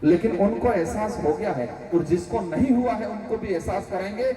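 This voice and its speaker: A man's voice: high-pitched, moderate pace, dark tone, slight background noise. A man from Rajasthan giving an impassioned rally speech, full of rhetorical questions and calls to the crowd. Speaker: political leader addressing a rally. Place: public gathering. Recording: echoey PA sound from far off.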